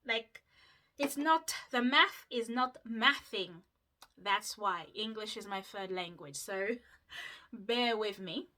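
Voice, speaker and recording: Her voice is medium in pitch with a sharp tone, and she speaks slowly. She's a vlogger in her twenties from Mauritius, a first-language Mauritian Creole speaker, chatting loosely with viewers over her skincare routine with plenty of fillers and asides.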